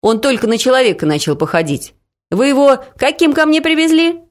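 A woman voicing an indignant, doting grandmother who loudly fusses over her grandson. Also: high-pitched, sing-song, brisk, pitched above the performer's own voice. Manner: loud, indignant, fussing.

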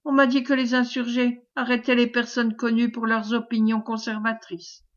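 A woman reading the part of an aged aristocratic marquis with a fluting voice, calm and knowing, on a dull lo-fi recording. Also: a little high, normal speed, close to an everyday voice.

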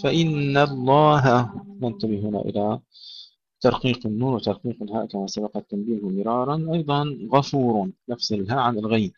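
A man teaching Quran recitation, chanting verses slowly and then quickly explaining pronunciation rules in a quieter voice. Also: fairly low pitch, breathy edge, no room sound, dull audio. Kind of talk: tajweed lesson with slow recitation.

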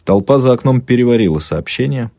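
A man narrating an audiobook in an expressive, dramatic storytelling manner. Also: mid-range voice, fairly quick, gravelly, no echo.

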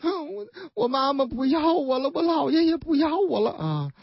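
A woman's voice: high-pitched, animated, moderate pace, gravelly, no echo, voice pushed up. A woman voicing a tearful, abandoned little girl of about seven who stammers as she explains herself. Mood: plaintive. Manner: plaintive, stammering child's voice. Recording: dull, dry lo-fi radio broadcast.

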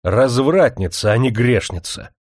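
A man voicing a domineering, threatening prince in a spoken story, shouting in anger. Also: lowish voice, expressive, slow pace, husky, dry recording, studio quality, full character voice. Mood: furious. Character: domineering wealthy husband, a prince.

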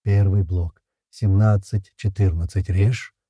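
A dying young man, voiced by a male narrator, whispering out codes slowly and weakly. The voice is low-pitched and dark, with a husky edge. Every word costs him effort. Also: steady tone, dry recording, clean studio sound, exaggerated voice. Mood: faint. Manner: weak, slow, whispered.

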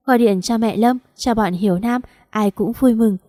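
A woman reading a first-person audio story in a steady, even way. Her voice sits a little high but sounds warm and mellow. The recording is close and dry, with no room sound. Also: normal speed, no room sound. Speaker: audiobook narrator.

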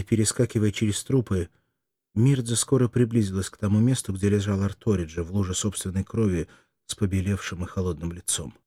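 A man reads a literary novel aloud in a low voice, slow and solemn. His delivery is dramatic and measured, and the recording is very dry and close. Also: mellow, slightly rough, no room sound. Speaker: audiobook narrator.

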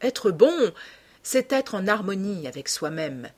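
A woman's voice: mid-range voice, sing-song, slow pace, a little mellow. An earnest young man speaks with sincere, passionate conviction, as a woman narrator reads his lines. His tone is heartfelt and serious. It is an audiobook reading.

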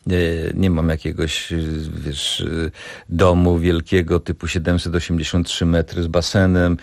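Deep-voiced man chatting on radio. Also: level tone, normal speed, darkish tone, dry recording. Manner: hesitant, many fillers and restarts. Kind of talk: casual radio chat. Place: radio studio.

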